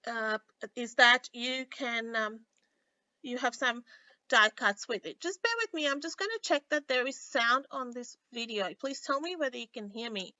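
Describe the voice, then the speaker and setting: A woman hosting a casual live craft tutorial, sounding nasal and a little sick, chatting in a halting way with many pauses. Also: a little high, bright, forceful tone, no room sound. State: under the weather with a stuffy, sick-sounding voice. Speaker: host of a weekly craft livestream. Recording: dull, lo-fi livestream audio.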